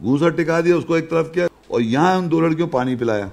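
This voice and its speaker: A man with a fairly high voice teaches a scripture lesson, walking his listeners through each verse. He speaks in a chatty, explaining way, often posing questions and answering them himself. Now and then he slows down to chant a verse. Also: creaky, a little mellow. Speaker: religious teacher.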